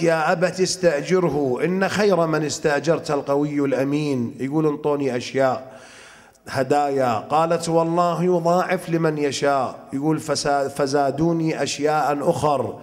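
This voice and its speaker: A man preaching a religious lecture, telling a story and reciting verse in a measured, drawn-out way. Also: on the high side, steady tone, big-room sound.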